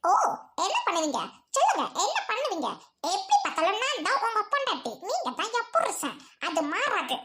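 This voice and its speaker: A woman's voice: extremely high pitch, wildly swooping pitch, moderate pace, bright, forceful tone, full character voice. A woman playing a jealous, taunting young wife. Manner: mocking, sarcastic, scornful laughs.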